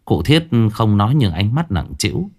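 Lively, low-voiced male ghost story teller. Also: moderate pace, breathy edge. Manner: dramatic, expressive storytelling.

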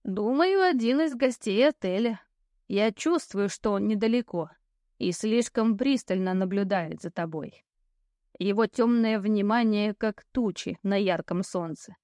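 A woman reading an audiobook, voicing a sly, languid old woman ghost who tells fortunes and smokes cigars, with a slow, mocking drawl. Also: mid-range voice, a little mellow, no echo, studio quality, close to an everyday voice. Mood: ominous. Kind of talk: audiobook character voice.

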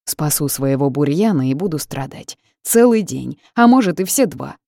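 A woman's voice: sits low, expressive, moderate pace, gravelly, warm tone, no room sound, studio quality. A woman voicing a hot-tempered young witch who snaps in exasperated, fiery outbursts.

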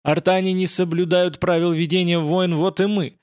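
A man voicing a loud, fiery male crowd leader who rouses the mob. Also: high voice, level tone, moderate pace, clean tone, no echo, studio quality, natural voice. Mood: rousing. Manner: shouting, fiery.

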